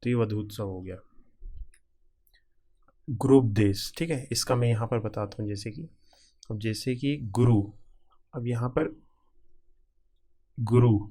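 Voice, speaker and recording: A male teacher walks exam students through a grammar lesson at a plain middle pitch. He splits each word into its parts one at a time and checks in with the class again and again. His delivery is patient and repetitive. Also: dark tone. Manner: repetitive, keeps checking in with "ठीक है"; spells out word parts slowly, piece by piece.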